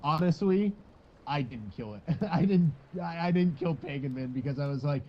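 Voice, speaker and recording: A man's voice: a little high, animated, normal speed. A man who jokes crudely and laughs often while casually commenting on a game. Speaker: gaming co-commentator. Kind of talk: casual let's-play chat. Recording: dull lo-fi voice recording.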